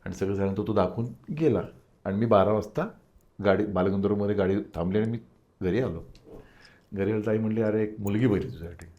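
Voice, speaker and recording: A man's voice: fairly low pitch, fast talker, dark tone, highs cut off. An older man, an interview guest, telling a personal story and acting out the dialogue of the people in it.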